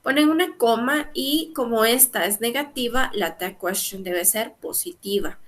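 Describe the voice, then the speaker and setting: A woman's voice: fairly high pitch, measured pace. A young woman teaching an English grammar lesson, explaining patiently step by step and often checking in with her students.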